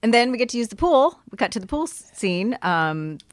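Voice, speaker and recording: A woman's voice: fairly high pitch, sing-song, brisk, dry recording, clean studio sound. A woman co-hosting a rewatch podcast who tells stories animatedly, acting out bits and laughing. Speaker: podcast co-host. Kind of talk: casual rewatch podcast chat.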